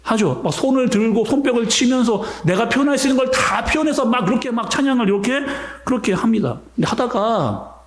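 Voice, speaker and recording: A man's voice: very high-pitched, animated, fairly quick, few pauses, reverberant. A man, a senior pastor, preaching a sermon in a church sanctuary, telling stories and addressing the congregation directly.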